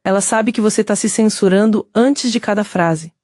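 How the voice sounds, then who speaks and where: A woman with a Brazilian Portuguese accent giving steady scripted narration that speaks directly to the listener. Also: medium pitch, moderate pace, no room sound, clean studio sound.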